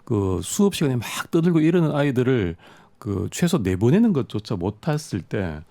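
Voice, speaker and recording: A man's voice: mid-range voice, very animated, normal speed, warm tone. A man hosting a radio panel debate in a studio, putting questions to guests and keeping them talking with short nods. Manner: inquisitive, draws guests out with short acknowledgements. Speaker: radio debate show host.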